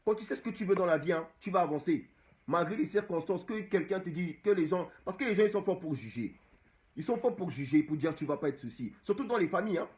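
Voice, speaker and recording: High-voiced man exhorting his audience. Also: animated, fast, a little mellow. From Cameroon. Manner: exhorting, repetitive, hammering the same phrases. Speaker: diaspora activist. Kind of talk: impassioned direct-to-camera monologue.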